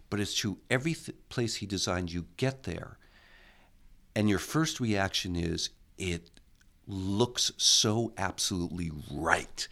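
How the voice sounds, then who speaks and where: A man raised in the Netherlands, answering interview questions with animated storytelling. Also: low-pitched, gravelly. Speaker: architecture school head, interviewee.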